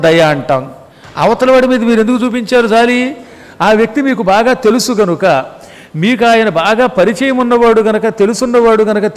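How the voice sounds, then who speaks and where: A high-pitched man delivers a spiritual discourse, repeating key ideas and posing rhetorical questions to his listeners. He now and then acts out a quoted line. His voice carries a long reverb, as if recorded in a hall. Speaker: religious discourse speaker. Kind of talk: Telugu Ramayana discourse.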